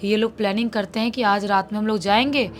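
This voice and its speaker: A woman telling a horror story in a relaxed, conversational way for a storytelling channel. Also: mid-range voice, fast, slight background noise. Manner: conversational, relaxed retelling with acted quotes. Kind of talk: casual spoken horror storytelling.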